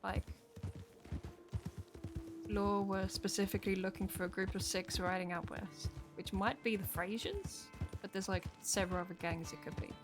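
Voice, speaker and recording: A woman's voice: mid-range voice, steady tone, normal speed. Chatty woman streamer over game music. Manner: chatty, rambling, swears casually. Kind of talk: casual chat while playing a role-play game. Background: game music and horse hooves.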